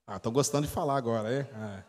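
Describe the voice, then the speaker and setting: Fast and a little mellow, the mid-range voice belongs to a Brazilian pastor in his forties with a Brazilian Portuguese accent. In an echoey church hall, he delivers a conversational teaching sermon full of stories and quizzes for the congregation.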